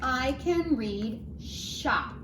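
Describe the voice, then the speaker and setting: An early reading teacher with a fairly high, very lively voice gives a very slow phonics lesson to young children. Her delivery is sing-song as she sounds out words and asks her listeners questions directly. The room echoes and noticeable noise sits in the background.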